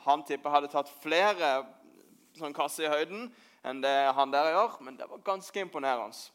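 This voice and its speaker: A man's voice: on the high side, a bit bright, clear, resonant tone, lightly acted. A man playing a chatty, impatient postman. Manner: playful, chatty, addressing children. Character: impatient, joking male postman. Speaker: children's church performer. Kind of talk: children's church role-play.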